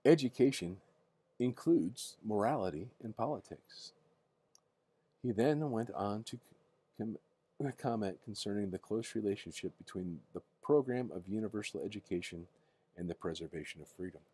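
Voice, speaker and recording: Husky, mellow older man reading aloud, grandpa voice. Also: lowish voice. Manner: halting, stumbles over words and rereads. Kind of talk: casual bedtime read-aloud from a history book.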